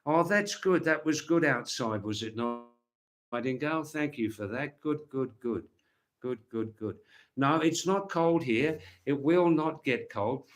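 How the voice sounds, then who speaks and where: A man's voice: mid-range voice, a little slow. A man hosting a casual livestream, chatting to viewers in a rambling way and repeating words and phrases for emphasis. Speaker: livestream host.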